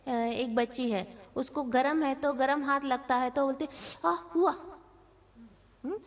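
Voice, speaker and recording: A woman giving a spoken lesson to parents, checking in with short questions after nearly every phrase. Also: high-pitched. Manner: keeps checking in with 'haan?' and 'hmm?'. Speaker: parenting workshop speaker. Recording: long hall reverb.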